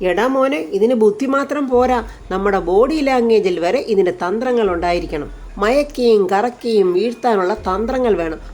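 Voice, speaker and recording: A woman's voice: a little high, fairly quick, a little mellow, natural voice. A woman voicing a scheming, mocking middle-aged woman in a retold serial, with a taunting manner. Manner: taunting, gloating.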